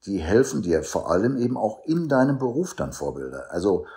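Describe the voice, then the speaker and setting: A man's voice: lowish voice, sing-song, a little fast, warm tone. A middle-aged man coaching men in a motivational monologue, emphatic and preachy, talking straight to the listener. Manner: emphatic, preachy, addresses the listener directly with frequent "ja?". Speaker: men's coach.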